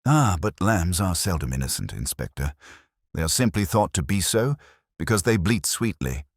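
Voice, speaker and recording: A man voicing a shrewd, genteel elderly spinster sleuth with a gentle, prim, polite manner. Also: deep voice, big pitch swings, moderate pace, dry recording, clean studio sound, heavily acted.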